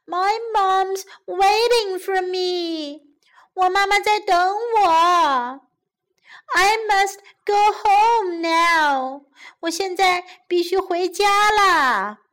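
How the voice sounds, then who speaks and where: Woman doing a scared little bunny voice, high and squeaky, slow and pleading, kids storybook. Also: big pitch swings, full character voice. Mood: worried. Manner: timid and pleading. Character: timid little rabbit, easily scared. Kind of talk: bilingual children's storybook reading.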